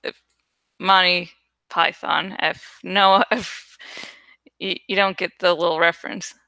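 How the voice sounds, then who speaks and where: Taking it slowly in a lowish, gravelly, sharp voice with a steady tone, a female online creator and host chats while working on a graphic. She rambles, swears, thinks aloud and now and then searches for words, with no room sound in the recording.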